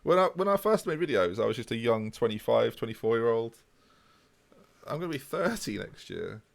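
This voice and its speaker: A man's voice: lowish voice, creaky. A man, chatting casually with viewers on a live stream. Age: 20s. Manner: chatty, jokey, answers chat.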